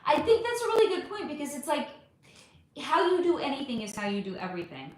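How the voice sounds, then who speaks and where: A woman in her forties, a spiritual reader chatting on a live stream, reading viewer comments aloud in a chatty, animated way with casual swearing. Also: sits high, quick pace, roomy sound. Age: 40s.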